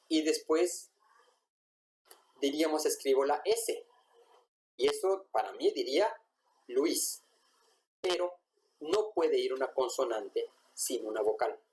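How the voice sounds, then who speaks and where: A man, teaching a language class at a whiteboard. He is patient and says each example word slowly, more than once. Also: medium pitch, a little mellow, a little hiss or hum, rough recording.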